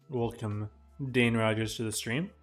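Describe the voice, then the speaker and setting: A man casting a live esports match in a casual, chatty way, his voice tiring and often clearing his throat. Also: mid-range voice, takes it slowly, faint music behind. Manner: casual, chatty, talks to chat viewers. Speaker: esports caster.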